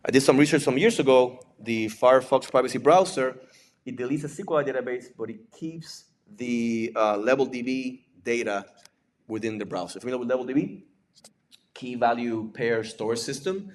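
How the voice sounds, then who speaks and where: Speaking at a normal speed with a medium, animated pitch, a Puerto Rican man lectures informally, and a little hiss or hum sits under his voice. Spanish is his native language, and his accent reflects his Puerto Rico roots. As a presenter who examines and teaches digital forensics, he talks conversationally, asking rhetorical questions and adding "right?" after points.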